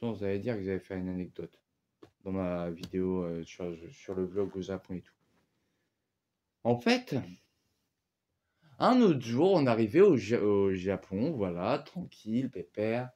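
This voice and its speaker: A man's voice: fairly low pitch, expressive, a little slow, long pauses, dark tone. Male vlogger, loose slangy rambling delivery, filler-heavy, casual unboxing video.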